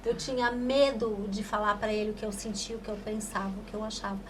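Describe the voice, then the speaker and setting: A woman hosting a podcast interview, asking emphatic, animated questions. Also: mid-range voice, quick pace, background noise. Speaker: podcast host.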